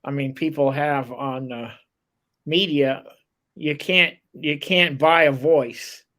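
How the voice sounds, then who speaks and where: Man, interview host, slightly high voice, eager, rambling praise. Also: fairly even intonation, slow, fairly bright tone. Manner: enthusiastic, admiring, rambling restarts. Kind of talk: casual interview chat.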